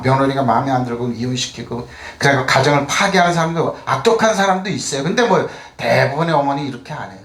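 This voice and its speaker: A man's voice: mid-range voice, a bit bright, roomy sound. An older man preaching a conversational sermon as pastor, often throwing rhetorical questions at the congregation. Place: church.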